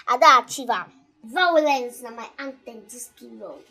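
A woman's voice: on the high side, pushed and bright, exaggerated voice. An actress in a Nollywood film playing a defiant, boastful young woman who mocks and laughs, speaking with a Nigerian Pidgin accent. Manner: boastful, mocking, laughs often. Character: brash, defiant young woman scheming for a man. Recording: film soundtrack with music underneath.

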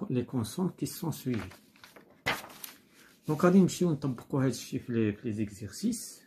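A man with a Moroccan Arabic accent teaching a school lesson, patiently repeating key points and reading examples slowly. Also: medium pitch, warm tone.

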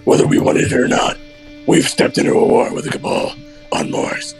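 A man voicing a gruff male military commander giving a mission briefing, in a gravelly, half-whispered delivery. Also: moderate pace, darkish tone, faint music behind, close to an everyday voice. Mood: commanding. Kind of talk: dramatic voice acting of a game briefing.

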